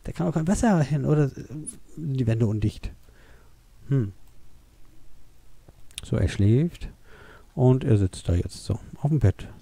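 A man chats his way through a life-simulation game in a loose, meandering style, full of fillers and half-finished thoughts. His voice is very dark and mellow, with a gravelly, husky grain. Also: medium pitch, expressive, a little slow, long pauses, no room sound. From Germany. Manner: rambling, thinking aloud with many fillers. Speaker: let's play gamer. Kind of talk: casual game commentary.

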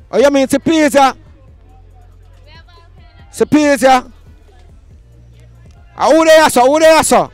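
Jamaican guy hyping up a market vlog, super high voice, keeps chanting his catchphrase. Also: dry recording. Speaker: vlog host. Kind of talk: street vlog patter. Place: outdoor market.

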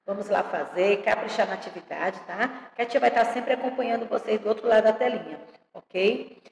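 A woman teaching young children an online grammar lesson, drawing out each word slowly and checking in with them affectionately. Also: medium pitch, vocal fry, a little mellow. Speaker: primary school teacher. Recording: echoey room with long reverb.

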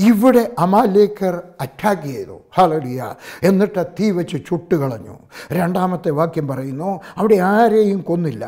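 A man's voice: on the high side, mellow. A man with a Malayali accent preaching a sermon as pastor, emphatic and full of hallelujahs. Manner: emphatic preaching with frequent hallelujahs, rising and dropping in volume.

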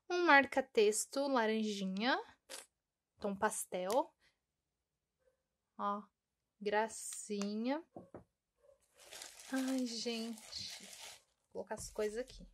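A woman's voice: mid-range voice, a bit bright. A young woman chatting through an unboxing, gushing and cooing over each cute item. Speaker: unboxing vlogger. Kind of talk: casual unboxing chat.

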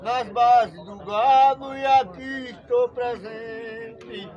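A man from Northeast Brazil, a cowboy, reciting rhyming verse in a half-sung, drawn-out way in an outdoor cattle pen. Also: very high voice, steady tone, darkish tone, lo-fi sound. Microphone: handheld camera close by. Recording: busy crowd around outdoors.

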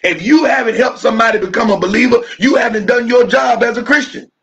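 A male pastor with a fairly high voice teaches a church bible study. He preaches more than he chats, circling back over his own phrases. He drags out key words for emphasis. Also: creaky, fairly bright tone, rough recording. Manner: preachy, repeats phrases, slows down to stress words.

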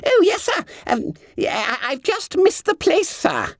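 Billy Bunter, a squeaky stammering schoolboy. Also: male voice, huge pitch swings, unhurried, dry recording, studio quality, heavily acted. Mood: flustered. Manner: stammering, high squeaky whispering. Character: fat stammering schoolboy, oblivious and greedy. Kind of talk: audiobook character voice.

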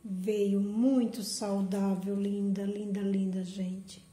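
A woman's voice: mid-range voice, little pitch movement, slow, dark tone. A woman hosting an orchid channel, unboxing plants in a casual vlog and gushing over each one with affection. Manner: gushing, affectionate, repeats "gente". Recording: echoey room.

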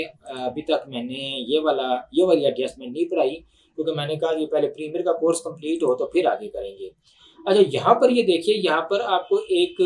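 Sitting at his computer for a screen-recorded tutorial, a man with a fairly high pitch and Pakistani Urdu accent talks through the software slowly. His explanation is thought out loud, with fillers and restarts along the way.

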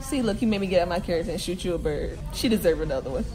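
A woman's voice: on the low side, quick pace, over music. Chatty woman vlogging with her phone. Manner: chatty, candid, expressive, laughs often. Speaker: beauty vlogger. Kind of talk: casual vlog chat. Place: home living room and nail salon. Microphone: phone camera at arm's length.

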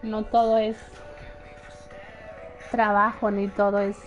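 In a muffled recording with faint game music behind her, a young female gaming streamer chats casually as she plays, frequently laughing and saying hello to viewers. She speaks slowly in a mid-range voice with a flat delivery.

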